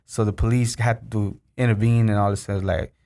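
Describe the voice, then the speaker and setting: A man's voice: on the low side, level tone, moderate pace, creaky, a little mellow. Mexican-born guy hosting a podcast, casual, tells stories, lots of "bro". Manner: storytelling, says "bro" and "you know" a lot. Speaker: podcast host. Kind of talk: casual interview chat.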